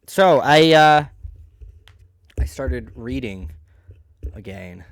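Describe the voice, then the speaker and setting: A man on a game stream, chatting in a loose, rambling way. He guides his co-player, restarts his sentences and often trails off quietly. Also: medium pitch, expressive, drawn-out words, dry recording. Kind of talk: casual chat.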